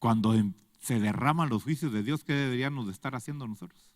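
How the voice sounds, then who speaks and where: A man's voice: medium pitch, fast talker, no echo, in a large hall. A man preaching a sermon to a congregation, pressing them with rhetorical questions. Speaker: pastor. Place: church.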